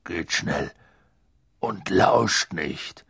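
A man voicing a huge, gruff but gentle half-giant gamekeeper in a storybook reading, urgent and protective. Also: animated, drawn-out words, no room sound, studio quality, heavily acted. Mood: pleading. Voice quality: deep husky rumble. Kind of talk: audiobook character voice.

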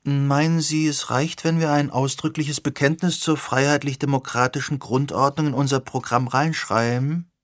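A man voicing an excited young woman who asks eager, probing questions. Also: mid-range voice, moderate pace, few pauses, dry recording, studio quality, lightly acted. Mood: questioning.

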